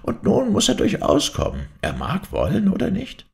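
A man's voice: huge pitch swings, moderate pace, vocal fry, exaggerated voice. A man voicing a once-old woman made young again, telling her tale to a friend in a storybook reading. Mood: instructive. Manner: chatty storytelling, wide swings in pitch.

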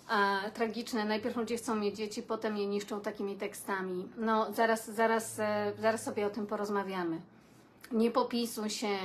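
A woman hosts a casual live stream and talks straight to her viewers. She reads their comments aloud and reacts to them in a chatty way. A faint background noise sits under her voice. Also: medium pitch. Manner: chatty, addresses viewers warmly as "kochani", reacts with laughter and sighs.

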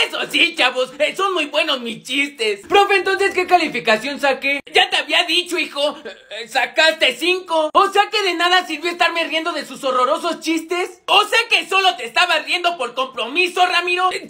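A young man with a Mexican accent performs comedy skits in an unnaturally high voice. His tone is bright and forceful. The delivery is exaggerated and animated, switching between characters. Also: normal speed. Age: young adult. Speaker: comedy skit creator playing all characters. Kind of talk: acted school comedy skit storytime.

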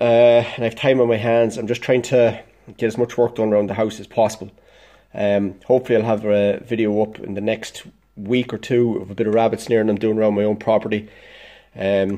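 A man's voice: fairly low pitch, mellow. A congested man in an indoor workshop, casually explaining a DIY fix at his workbench in a blunt, plain-spoken way with the odd swear. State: congested, dosed up with illness. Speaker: DIY vlogger.

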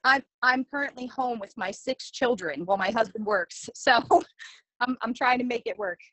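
A woman's voice: a little high, moderate pace, sharp tone, dry recording, poor audio. A woman, a sheriff's office captain on a panel, speaking over a video call that keeps cutting out while she checks whether she can be heard.

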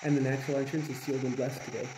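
A man's voice: mid-range voice, level tone, rapid-fire. A man explaining things informally and matter-of-factly, like a tour guide. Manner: matter-of-fact. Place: inside a large underground cave. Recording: noisy cave location recording.

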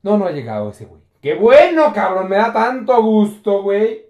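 A man's voice: high voice, sing-song, normal speed, darkish tone, lo-fi sound. A man voicing Batman as a brash, foul-mouthed spoiled rich heir with a Mexican accent. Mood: brash, cocky. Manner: brash, swearing, slangy. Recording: roomy home recording.

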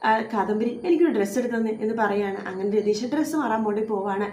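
Fast-talking woman retelling a serial. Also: mid-range voice, darkish tone. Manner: chatty, adds a coaxing tag to her sentences. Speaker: serial recap narrator. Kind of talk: casual retelling of a TV serial episode. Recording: echoey room with faint noise.

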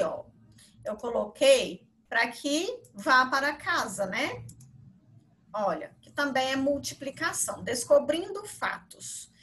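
A woman's voice: high-pitched, a bit bright. A Brazilian woman teaching a video lesson to young children, explaining each step and checking in with the class as she goes. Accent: Brazilian Portuguese. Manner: encouraging, explains step by step with many "certo?" and "ó".

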